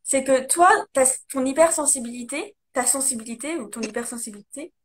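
A woman with a high voice explains her ideas eagerly in a relaxed chat. She stumbles over fillers and restarts as she works her points out. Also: brisk. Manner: animated, explaining with many fillers. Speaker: guest, coach. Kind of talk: casual conversation, live video.

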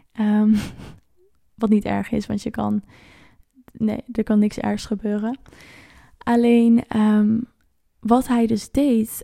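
A woman's voice: fairly high pitch, creaky, warm tone, no room sound, studio quality. A woman coaching viewers through an online challenge, explaining in a chatty, informal way and sometimes searching for words.

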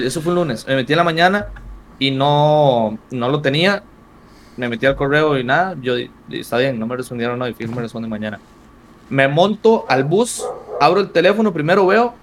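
A man's voice: fairly high pitch, slight background noise. A young man with a Costa Rican accent, a streamer telling stories in a casual, slang-heavy interview chat. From Costa Rica. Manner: slangy, animated storytelling.

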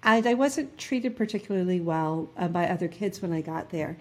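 Breathy fifty-something woman from jersey, interview guest, earnest, lots of ums and restarts. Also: lowish voice, lively intonation, moderate pace, a little mellow. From New Jersey. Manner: earnest storytelling with frequent fillers and restarts. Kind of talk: reflective interview conversation.

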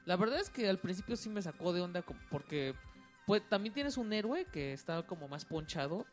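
A man's voice: sits high, sing-song, brisk, faint music behind. A Mexican man talking casually and colloquially about games as a podcast co-host. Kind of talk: casual video game chat.

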